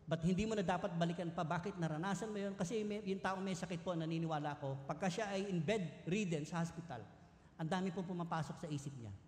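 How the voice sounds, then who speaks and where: A man's voice: high-pitched, fast talker, darkish tone. A man with a Filipino accent preaching a sermon, earnest and emphatic, moving between Tagalog and English. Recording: echoey hall with long reverb.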